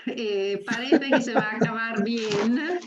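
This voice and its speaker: A woman's voice: a little high, takes it slowly, over a noisy crowd. Woman, Italian-accented Spanish, guest speaker, informal academic style, word-searching, language-mixing, muffled call audio. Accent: foreign-accented Spanish with Italian influence. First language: Italian, speaking non-native Spanish. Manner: searches for words, mixes in Italian and English. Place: remote video call.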